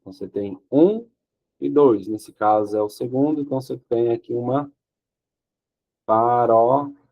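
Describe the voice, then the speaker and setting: A Brazilian man with a mid-range, slightly mellow voice speaks at a moderate pace. He's preparing students for an exam in Portuguese grammar, explaining step by step, questioning and answering himself, and checking often with "ok?".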